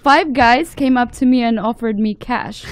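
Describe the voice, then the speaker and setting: A woman's voice: a little high, a little slow. A woman hosting a talk show who reads viewer letters aloud with an amused, giggly manner. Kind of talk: casual studio chat, reading letters aloud.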